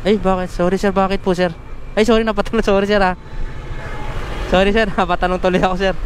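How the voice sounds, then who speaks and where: A man's voice: high voice, level tone, fast, slight background noise. A man working as a motorbike taxi rider, chatting politely with his passenger and apologizing often, recorded outdoors on a small worn mic. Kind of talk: casual chat with a passenger. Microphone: small mic worn while riding.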